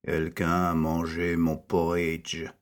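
A man voicing a big father bear with a low, growling delivery. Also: monotone, slow. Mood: gruff.

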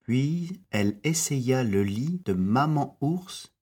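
A man reads a bedtime fairy tale in a slow, lilting voice. His tone is slightly husky and rises and falls a lot. Quiet music plays underneath. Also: medium pitch, expressive. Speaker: narrator. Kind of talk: storybook reading. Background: soft music.

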